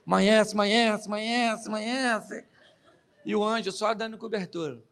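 A man's voice: high voice, steady tone, normal speed, a bit bright. A man, a pastor giving a comic storytelling sermon, joking, chuckling at his own jokes and acting out the scenes.

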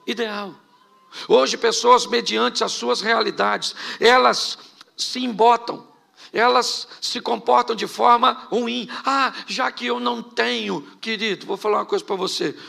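A middle-aged Brazilian pastor preaches in a high, heavily gravelly voice. His tone is sharply bright and forceful. He fires off rhetorical questions and mixes in joking asides. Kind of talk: sermon.

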